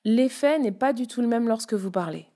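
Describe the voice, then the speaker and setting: Mellow-voiced woman coaching voice technique. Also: fairly high pitch, expressive, a little fast. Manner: demonstrative, shifts between chest, mask and head voice. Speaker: voice and public speaking coach. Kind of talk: casual spoken tutorial.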